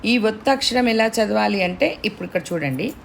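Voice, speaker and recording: A woman teaching pronunciation, drawing out syllables slowly to demonstrate them. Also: mid-range voice, animated, creaky, a little hiss or hum. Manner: slow demonstrative enunciation of syllables. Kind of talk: pronunciation lesson.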